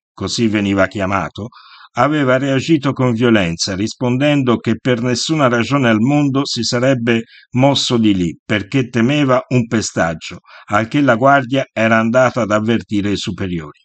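A man reads a first-person memoir aloud at a steady, measured pace. His voice sits in a middle register, neither high nor low. The recording is dry and close, with no room sound around it. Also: dry recording. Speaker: narrator.

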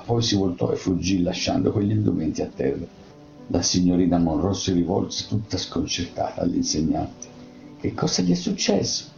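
Brief: measured male storybook narrator, very low and gravelly, dull lo-fi recording with faint music. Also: mellow. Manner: measured, with small restarts. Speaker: audiobook narrator.

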